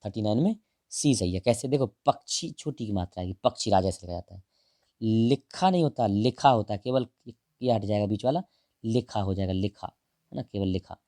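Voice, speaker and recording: A man teaching exam prep, going through answers one option at a time in a casual, direct way and drawing some words out slowly. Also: lowish voice, lively intonation, warm tone, no room sound, studio quality. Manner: explains each option, stretches out words while writing; casual and direct, calls the listener brother. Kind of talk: answer-key walkthrough lesson.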